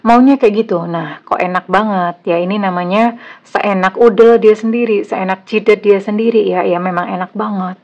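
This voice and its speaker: A woman with an Indonesian accent gives a casual tarot reading straight to her viewer. She talks in a chatty, blunt way at a middling pitch and slips English phrases into her sentences. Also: fairly even intonation, normal speed, a little mellow. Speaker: tarot reader.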